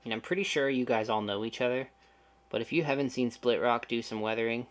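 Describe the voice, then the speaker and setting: A man's voice: medium pitch, a little fast. A man hosting a casual livestream, chatting with viewers and making sarcastic, joking asides. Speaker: channel host.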